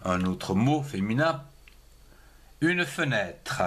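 A man teaching young children to write, moving through each word at a very slow pace. He spells out every letter and syllable one at a time, his voice rising and falling in a lively sing-song. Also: mid-range voice, husky.

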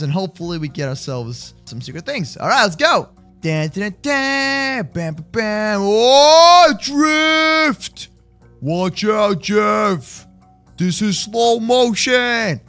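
A young man with a high, lively voice gives goofy gameplay commentary, bouncing between mumbled asides and sudden excited shouts. His tone is bright and sharp. Faint game music plays behind him. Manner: goofy, hyped, talks to his sidekick and viewers, sudden shouts. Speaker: gaming YouTuber.

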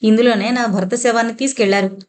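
A woman's voice: on the high side, fairly even intonation, quick pace, darkish tone, natural voice. A woman reading the part of a village widow, wailing and insistent as she presses her claim. The voice stays close to the reader's own, within a storybook reading. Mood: tearful. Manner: tearful, insistent.

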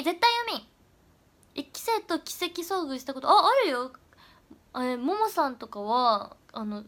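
Young woman, high bright voice, casual livestream chat, answers comments, slips into soft whispers, webcam mic. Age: young adult. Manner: chatty, often dropping into soft whispers. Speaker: idol trainee livestreamer.

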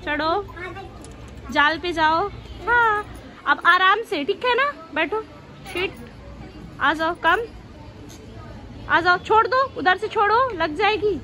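A woman's voice: very high-pitched, takes it slowly, long pauses, pushed and bright. A woman vlogger, aunt to the children, coaxing and directing little kids with short repeated commands in a school playroom. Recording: noisy background ambience.

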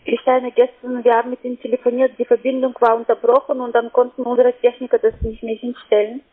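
A call centre sales agent, a woman with a high voice, speaks quickly and in a level tone over a thin-sounding phone line. Her sales talk sounds scripted, and her manner is polite and businesslike.

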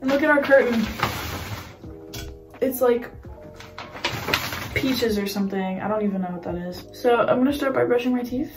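A woman's voice: a little high, moderate pace, long pauses, far from the mic. A young woman vlogging casually to camera in an informal, youthful way, indoors in an apartment. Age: young adult. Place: sparsely furnished apartment room, indoors. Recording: echoey room, away from mic, music behind.

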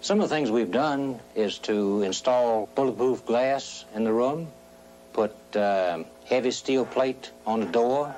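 A man explaining things as an official in an interview, formal and halting. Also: medium pitch, warm tone. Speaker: security official being interviewed. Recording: old TV interview, faint noise.

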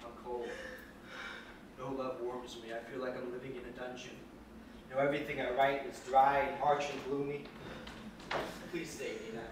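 A man acting a lonely, lovesick young writer, pleading and halting, recorded from far off in an echoey theater. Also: mid-range voice, level tone, noisy background, natural voice. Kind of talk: stage play performance. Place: theater stage. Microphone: distant room mic.

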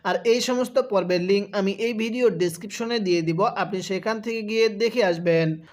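A man from Bangladesh teaching Quran reading, spelling out syllables and reciting verses in a drawn-out way for learners to repeat. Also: sits high.

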